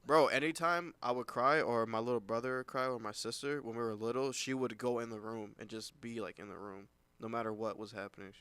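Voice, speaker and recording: A man's voice: medium pitch, steady tone, brisk, few pauses, fairly bright tone, clear, resonant tone, dry recording. Young man, podcast co-host, casual chat, rambling, filler-heavy, laughs a lot.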